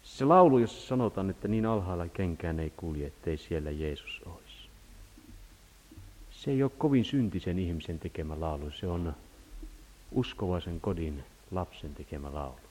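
A man preaching a sermon, swinging between loud cries and hushed low tones. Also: animated, a little hiss or hum. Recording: long hall reverb.

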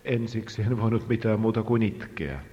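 A man interpreting a sermon phrase by phrase, sometimes restarting a word. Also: on the low side. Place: church hall. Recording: dull sound in reverberant hall.

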